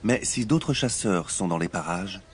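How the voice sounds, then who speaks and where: A man delivering scripted nature documentary narration in a measured, expository storytelling way. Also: low-pitched, expressive, a little hiss or hum. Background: music.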